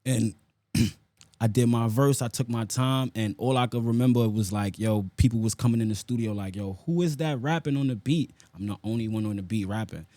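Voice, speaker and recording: A man from the South Bronx, New York, with a New York accent, is interviewed casually as a rapper, sprinkling in street slang and "you know what I'm saying" often. He speaks at a moderate pace in a warm, mid-range voice, with no echo.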